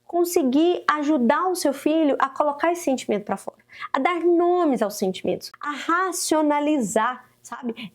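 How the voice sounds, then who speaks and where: A Brazilian woman psychotherapist giving earnest, coaching advice to mothers straight to camera. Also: high voice. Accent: Brazilian Portuguese. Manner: earnest, coaching, acts out quoted parents and children. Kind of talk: direct-to-camera advice talk.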